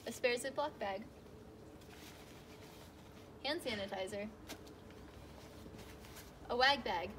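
A young woman in her twenties giving a scripted outdoor skills lesson in a backyard, upbeat and playfully deadpan, recorded on a camera mic. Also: a little high, background noise. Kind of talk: scripted instructional video.

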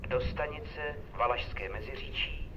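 A male railway announcer reads a scripted notice in formal, separate phrases at a medium pitch. It comes over an outdoor station loudspeaker with loud ambient noise. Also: distant mic, muffled recording. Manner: formal, segmented phrase-by-phrase delivery. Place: outdoor railway station, public address system.

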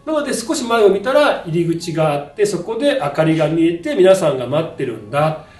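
A man telling a spoken ghost story in an animated way, acting out sound effects and shouts as he goes. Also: a little high, a little fast. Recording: roomy, distant mic, music behind.

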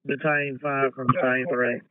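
A fire battalion officer coordinating units over two-way radio in brisk, procedural exchanges. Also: male voice, medium pitch, little pitch movement, no room sound, phone-quality sound. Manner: brisk, procedural call-and-response. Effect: two-way radio transmission. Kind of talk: terse fire radio traffic.

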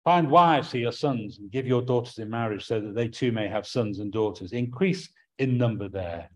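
Speaking from a small room at home, a middle-aged Englishman preaches a sermon in a slightly mellow, medium-pitched voice at normal speed. He's earnest and tends to restart his words.

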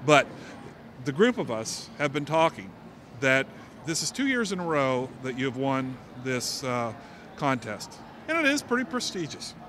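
Middle-aged man over clear arena noise. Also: medium pitch, sing-song, measured pace, fairly bright tone. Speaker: state legislator and fundraiser organiser. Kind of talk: informal event interview. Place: large indoor horse show arena. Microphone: handheld interview microphone.

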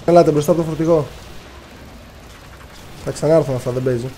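A young man chatting casually with teammates while gaming, excitable and slangy, calling out to the others. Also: fairly high pitch, slight background noise. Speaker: gamer playing with friends. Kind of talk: casual gaming chat over voice.

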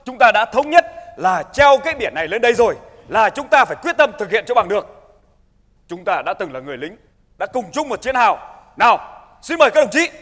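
Old veteran street head, bright and animated, firm and commanding, stage reverb. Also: male voice, sits high, a little fast, exaggerated voice. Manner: commanding, peacemaking.

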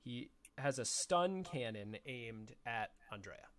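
A man's voice: medium pitch, animated, takes it slowly, a crowd in the background. A man acting as game master of a remote tabletop game, patiently explaining rules with frequent fillers. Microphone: remote online call.

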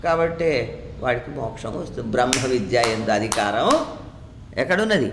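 A man giving an animated religious discourse as a teacher, asking rhetorical questions and reciting Sanskrit lines. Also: medium pitch, fairly quick, a little hiss or hum. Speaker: Vedanta teacher. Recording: echoey room with faint ambience.

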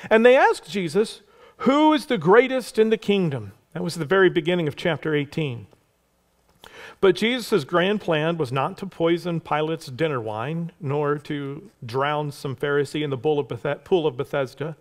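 A man's voice: fairly high pitch, normal speed. A man preaching a sermon as pastor, telling a history story in a loose conversational way with asides and little jokes. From Texas. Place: church sanctuary.

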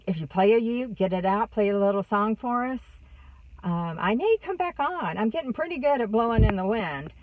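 A Texan woman in her sixties vlogs from inside a car, chatting casually and rambling with lots of fillers to a phone camera held close up. Her voice is lowish, and the recording sounds dry and thin like a phone, though the mic seems distant.

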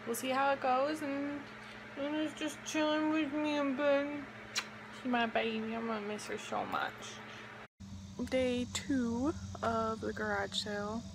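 On a windy lakeside pier, a woman in her twenties with a slightly high voice and vocal fry chats candidly into a phone held at arm's length for a casual selfie vlog. She thinks aloud about her plans while loud wind noise hits the phone mic.

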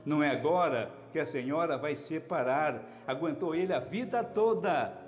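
A man's voice: fairly high pitch, expressive, normal speed, natural voice. A man voicing an exasperated adult daughter who pleads with her mother and fires scolding questions. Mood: pleading. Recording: echoey hall with music underneath.

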